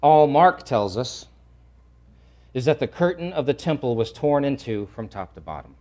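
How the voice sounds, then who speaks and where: A man preaching a sermon, swinging from loud to hushed and repeating phrases for emphasis. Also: mid-range voice, animated, normal speed. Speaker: pastor.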